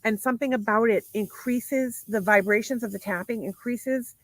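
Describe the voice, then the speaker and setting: A woman's voice: a little high, moderate pace, dry recording. Rambling woman podcaster, dry close sound. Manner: rambling, swears freely, lists remedies with many fillers. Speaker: podcast co-host. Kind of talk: casual chat.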